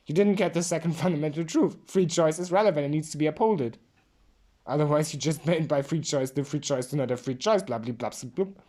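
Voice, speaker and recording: A woman's voice: low-pitched, a little fast, warm tone. A woman giving a drunk, rambling philosophical monologue, emphatic and repeating herself.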